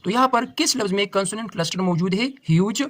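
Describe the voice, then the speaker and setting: A young man with a Pakistani accent, a teacher steadily explaining a solved exam paper question by question, reading the English questions out slowly. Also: high-pitched, a bit bright. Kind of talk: exam-prep lesson, solving a test paper.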